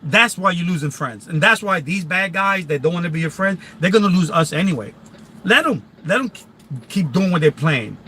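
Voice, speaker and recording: On a live stream, a Philadelphia man with the local accent speaks casually but with real emphasis, often repeating and restarting what he says. The voice sits high, expressive and brisk, with a bright, forceful tone. A little hiss or hum runs underneath.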